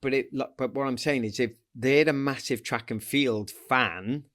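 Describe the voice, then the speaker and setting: Former runner, male, British, chatty anecdote-teller, mid pitch, laughs easily. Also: moderate pace. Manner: animated storyteller, acts out voices, laughs often. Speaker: guest athlete. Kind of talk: casual storytelling interview.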